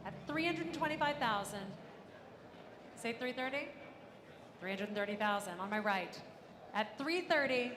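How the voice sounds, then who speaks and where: Casting: woman as live auctioneer, high-pitched, repeating bids across a noisy, echoing hall. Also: lively intonation, normal speed, long pauses. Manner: auctioneer's repetitive bid calling. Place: large auction room. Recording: echoey hall, ambient noise.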